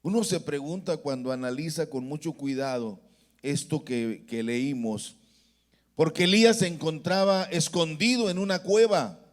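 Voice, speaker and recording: A male pastor preaching a sermon in a church, slow and deliberate, asking the congregation to repeat after him. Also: on the high side, expressive.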